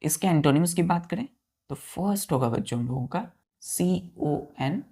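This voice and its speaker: A man teaching vocabulary, spelling each word letter by letter, counting aloud and repeating key words slowly for his students. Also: on the high side, animated, creaky, warm tone, breathy edge. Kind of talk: vocabulary lesson.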